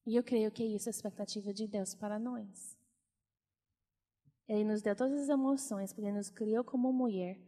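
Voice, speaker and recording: A woman's voice: medium pitch, fairly even intonation, normal speed, mellow. Earnest woman preaching in a hall. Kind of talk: conversational sermon.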